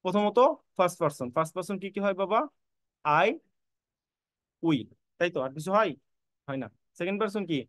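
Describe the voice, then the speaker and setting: A man's voice: sits high, fairly quick, long pauses, fairly bright tone, no echo. A man teaching an online English grammar class, repeating points and spelling words out letter by letter while reassuring his students. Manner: reassuring, addresses students directly. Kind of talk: online admission-prep lecture.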